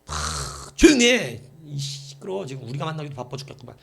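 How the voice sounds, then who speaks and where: A man acting out a harsh, scornful man who barks at a beggar to keep quiet, within a sermon. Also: mid-range voice, huge pitch swings, very slow, gravelly, breathy edge, exaggerated voice. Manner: contemptuous, barking short orders. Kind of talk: acted quote in a sermon.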